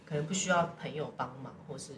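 A woman with a Taiwanese Mandarin accent chats casually on a podcast, telling things in an animated, colloquial way. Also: deep voice, fast talker. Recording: roomy echo, distant mic, noisy background.

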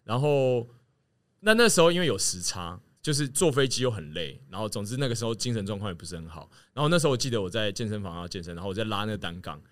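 A man telling a story in casual chat, animated and laughing as he acts out what others said. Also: on the low side, fast talker. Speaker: podcast guest telling a story.

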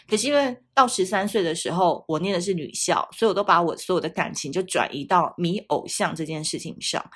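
A woman's voice: on the low side, a bit bright, slightly rough. A woman, hosting a casual solo podcast in a chatty, playful way. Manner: chatty, playful, laughs often. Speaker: podcast host.

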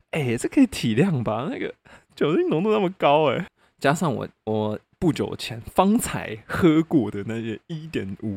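Young Taiwanese male podcaster, swaggering storyteller, very animated delivery, dry close sound, salty language. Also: medium pitch, gravelly, no room sound. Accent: Taiwanese Mandarin. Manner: animated, swears often, laughs mid-sentence. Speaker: podcast host. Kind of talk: casual solo storytelling.

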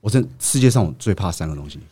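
Guy on a podcast, lively up-and-down voice, talks quick, acts out what people said. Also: deep voice, breathy edge. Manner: animated storyteller, acts out quotes. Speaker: podcast guest. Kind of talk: casual chat, storytelling.

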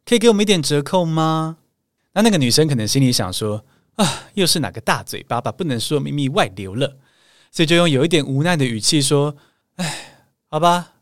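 A man's voice: a little high, no echo, clean studio sound. A man hosting a podcast English lesson, telling a travel story in a playful, teasing way. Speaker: podcast host and English speaking coach.

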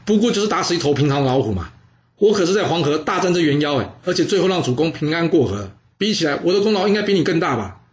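A man doing a rough, shouting warrior. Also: fairly high pitch, lively intonation, fast, pitched above the performer's own voice, close to an everyday voice. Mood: scornful. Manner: shouting, anguished. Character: grieving sworn-brother warrior, loud and rough. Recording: dull lo-fi sound.

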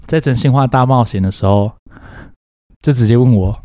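A young man co-hosting a casual podcast, telling animated stories, laughing often and acting out the voices of people he quotes. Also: mid-range voice, moderate pace, dry recording. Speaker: podcast co-host. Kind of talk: casual chat.

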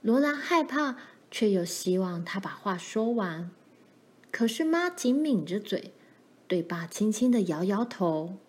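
A woman reading a children's story aloud in a gentle, measured way. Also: mid-range voice, animated. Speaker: storybook reader.

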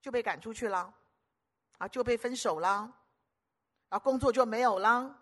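A woman's voice: on the high side, normal speed, fairly bright tone. Emphatic older woman preaching a sermon. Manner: emphatic, repeats phrases in lists, asks the audience questions.

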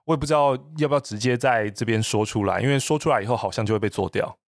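A man's voice: medium pitch, very fast, dry recording, clean studio sound. A man talking as a podcast guest in casual chat, thoughtful and a little hesitant, laughing now and then. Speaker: podcast guest, voice business founder.

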